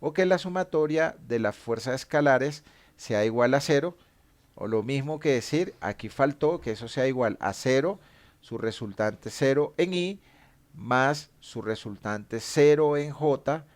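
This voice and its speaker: A man's voice: medium pitch, a little slow. A man teaching a statics class, explaining equations patiently and stopping to correct his own mistakes.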